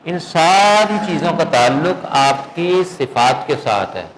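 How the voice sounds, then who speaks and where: A man teaching Quran recitation in a classroom lesson, patiently asking his students whether they follow and slowly drawing out words to demonstrate. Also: a little high, expressive, a little hiss or hum, poor audio. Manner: patient, checks understanding with frequent questions.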